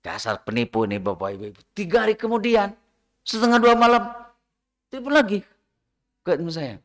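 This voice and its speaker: A man's voice: high voice, very animated, moderate pace, a bit bright. A middle-aged man with a Sundanese accent giving a religious study talk, telling chatty anecdotes and slipping between Indonesian and Sundanese. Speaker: Islamic lecturer.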